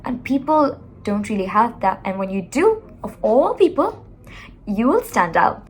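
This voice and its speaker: A woman coaching communication skills, giving motivational advice in an expressive, animated way, speaking straight to the viewer. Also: fairly high pitch, measured pace.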